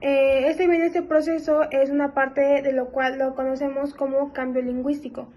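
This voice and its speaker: Woman student presenter, high voice, frequent fillers, dull lo-fi recording. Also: flat delivery, moderate pace. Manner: many "eh" fillers between phrases. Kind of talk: reading a class presentation.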